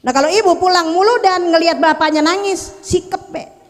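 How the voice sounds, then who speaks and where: A woman's voice: very high voice, brisk. A woman preacher tells a story in a sermon, joking and bantering with the audience. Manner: playful, jokes and banters with the audience. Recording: long reverb of a hall.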